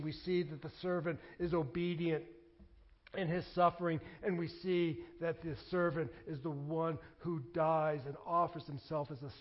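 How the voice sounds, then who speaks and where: A pastor preaching a sermon, moving between quiet scripture reading and loud emphatic declarations. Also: male voice, fairly high pitch, highs cut off.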